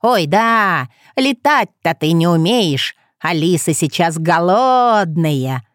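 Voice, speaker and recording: A woman voicing a sly, hunched ancient village witch woman who talks in a slow, creaky, mocking way. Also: on the low side, expressive, no echo, clean studio sound. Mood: scornful.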